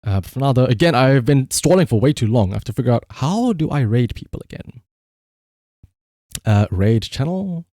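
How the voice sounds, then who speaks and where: Speaking at a moderate pace, a man streaming live chats and rambles to his viewers in a mellow mid-range voice with lively intonation. He curses freely out of playful exasperation, and the recording is dry and studio-quality.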